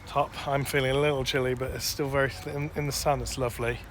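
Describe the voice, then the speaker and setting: A man chatting casually as he films a travel vlog outdoors, relaxed and quick to laugh. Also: medium pitch. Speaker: travel vlogger. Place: outdoors at sightseeing spots. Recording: loud outdoor wind and traffic noise.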